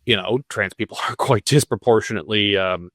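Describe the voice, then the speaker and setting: A man's voice: lowish voice, brisk, fairly bright tone, no room sound, studio quality. A man conducting a news interview, hesitant, with many fillers and restarts.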